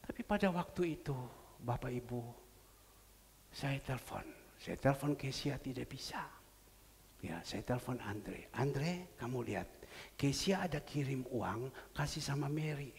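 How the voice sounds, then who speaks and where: A male pastor preaching a sermon, telling stories with big swings from loud cries to hushed whispers. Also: mid-range voice, lively intonation, a little slow, creaky, big-room sound, slight background noise. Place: church sanctuary.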